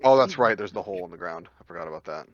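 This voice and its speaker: A man's voice: deep voice, animated, racing, dry recording, lo-fi sound. A man playing a tabletop game, eagerly explaining the rules in casual chat.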